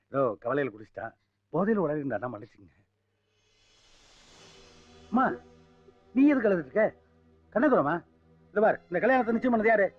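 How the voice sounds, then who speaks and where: A man's voice: on the high side, dry recording. An actor playing a proud, hot-tempered foster father scolding his son. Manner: scolding, commanding. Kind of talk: film drama acting. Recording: dull film soundtrack.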